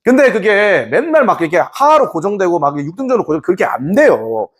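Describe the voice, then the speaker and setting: A man teaching a Korean history class in a lively way, now and then acting out short scenes in put-on voices. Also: sits high, fast. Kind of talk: classroom lecture.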